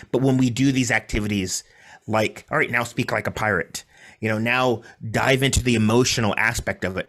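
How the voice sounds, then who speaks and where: A man on a podcast panel sharing his experience training public speakers in a relaxed, conversational way. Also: fairly low pitch. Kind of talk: panel discussion.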